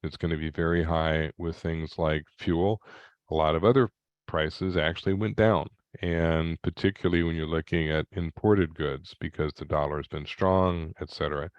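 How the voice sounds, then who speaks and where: A man's voice: rumbling low, steady tone, moderate pace, smooth, dry recording, dull audio. A man, an economist, giving a webinar talk with dry, wry storytelling and folksy humor. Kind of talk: webinar presentation.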